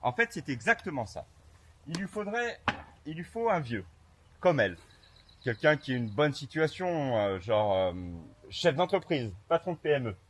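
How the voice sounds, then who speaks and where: Picture a brash grown son, blunt and scornful, tossing out his opinions with lively swings of pitch, played by a man in a stage rehearsal. His voice sits a little high for a man. He sounds a few steps back from the mic. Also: moderate pace, slight background noise. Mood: scheming. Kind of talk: amateur stage play rehearsal.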